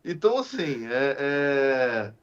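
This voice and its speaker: A man with a clean, medium-pitched voice speaks slowly as a deacon and podcast guest, Portuguese being his first language. Casually recounting a story, he animatedly acts out the dialogue with many restarts, and the lo-fi audio sounds slightly muffled.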